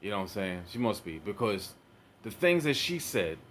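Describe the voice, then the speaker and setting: A man's voice: lowish voice, very animated, moderate pace, a bit bright, slight background noise. A man giving casual reaction commentary, rambling and repeating himself with many fillers.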